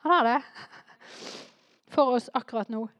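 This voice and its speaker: A woman preaching a sermon in a lively way, rising to fervent emphasis. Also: on the high side, no room sound, dull audio.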